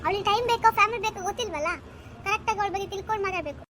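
A woman's voice: very high voice, sharp tone. A woman playing a bossy older sister who lectures and scolds her little brother in a comedy skit. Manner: scolding, lecturing, quick-talking. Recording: noisy home video recording.

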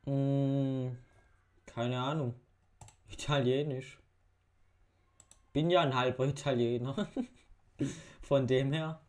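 A man's voice: mid-range voice, fairly even intonation, slow, long pauses, a little mellow. A young man reading quiz questions aloud and muttering wry answers in a casual home video commentary. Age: young adult. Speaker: YouTuber. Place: bedroom at home. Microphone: webcam facecam.

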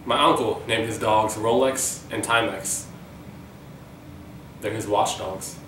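A man's voice: fairly low pitch, steady tone, takes it slowly. A young man telling jokes in casual banter with a friend, laughing readily and saying dude often. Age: young adult. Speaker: contestant in a try-not-to-laugh joke challenge. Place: living room couch, indoors. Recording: echoey room, distant mic, faint noise.

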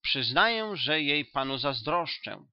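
A man voicing an eager, excitable young country doctor in a storybook reading, with a high, gushing delivery. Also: a little slow, no room sound. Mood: effusive. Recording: dull, dry audiobook recording.

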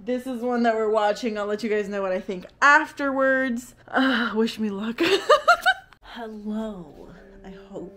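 A woman's voice: fairly high pitch, measured pace, bright, forceful tone, faint music behind. A young woman talking casually to the camera in a home vlog. She rambles and laughs often, and she pokes fun at herself. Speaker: vlogger.

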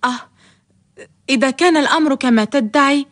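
A woman's voice: sits high, a little fast, a bit bright. An actress playing a proud, teasing young orphan woman in a radio drama, with a theatrical, haughty delivery. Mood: coquettish. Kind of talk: radio drama acting in formal Arabic.

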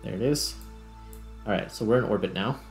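A gravelly, lowish male voice talks fairly quickly through a gaming video, offering casual think-aloud commentary as he plays. Background music sits behind his voice.

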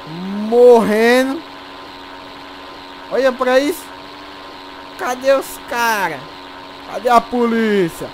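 Young dude narrating his game, real high voice, says everything twice, slangy, bit of noise behind. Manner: excited, repeats every phrase twice, slangy. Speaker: gameplay commentator. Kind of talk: casual gameplay commentary.

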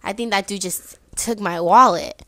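A young woman in casual chat, excitedly recounting a friend's mishap. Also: medium pitch, moderate pace. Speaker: friend, co-host.

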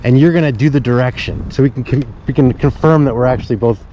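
A middle-aged vlogger speaks fast in a mid-range voice, rambling casually to his audience as he rides and slipping in jokey remarks. He's outside on a suburban street, and the dull action-camera audio catches the street noise.

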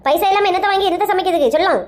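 A woman with a Kanyakumari Tamil accent playing a sharp-tongued middle-aged mother in a comic family skit, nagging and bickering. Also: extremely high pitch, racing. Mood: scolding. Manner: nagging, bickering, shouting insults.

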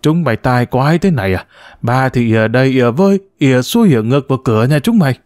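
A sharp-tongued older grandmother who snaps and curses in short, blunt bursts, put on by a male storyteller. Her voice leaps up and down with lively swings. The recording is dry and close. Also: medium pitch, fairly quick, no echo, close to an everyday voice. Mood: shrill scolding. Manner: blunt, curt and abusive.

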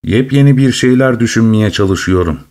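A man's voice: fairly high pitch, big pitch swings, slow pace, gravelly, a little mellow, exaggerated voice. Timid crippled dwarf jester, played by a male narrator, hesitant and subdued.

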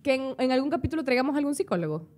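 A woman's voice: sits high, big pitch swings, racing, a little mellow. A woman co-hosting a podcast, rambling in a self-mocking way and slipping English words into her casual chat. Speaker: podcast co-host.

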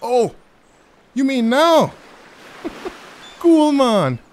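Drawling, mellow beach bum. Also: male voice, very high voice, big pitch swings, extremely slow, slight background noise, exaggerated voice. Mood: mellow, amused. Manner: easygoing, giggly, drawling. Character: mellow, laid-back male island beach bum. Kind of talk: cartoon game acting.

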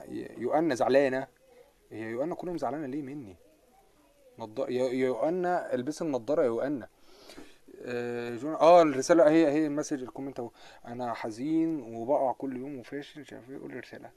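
Hosting a casual live stream, a fast-talking man with a mid-range voice and an Egyptian Arabic accent reads viewer comments aloud. He is animated and joking, with plenty of laughter.

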